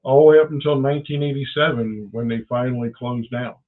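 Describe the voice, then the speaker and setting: A man's voice: medium pitch, a little fast. A man in a casual, conversational discussion. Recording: thin phone-like audio.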